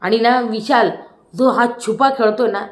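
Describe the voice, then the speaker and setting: A woman giving a casual review of a reality show episode. She talks in a chatty way, retelling scenes with asides and quick self-corrections. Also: on the high side. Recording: roomy echoey room.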